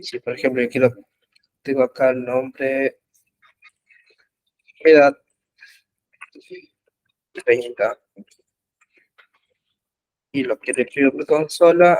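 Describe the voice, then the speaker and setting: A male programming instructor leads a live online web development class, explaining code slowly and haltingly with many pauses and fillers. His mid-range voice has a darkish tone. It's picked up by a computer mic, and the recording is rough but has no echo.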